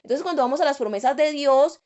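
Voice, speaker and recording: A woman delivers a sermon in a high voice. She speaks earnestly and repeats her key phrases for emphasis. The recording is dull and lo-fi. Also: fast, darkish tone. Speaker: preacher.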